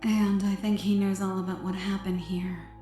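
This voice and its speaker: Woman acting Ada Wong, cool bright-voiced femme fatale. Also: medium pitch, little pitch movement, moderate pace, reverberant, soft background music, natural voice. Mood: composed, purposeful. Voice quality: satiny. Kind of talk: audiobook drama character dialogue.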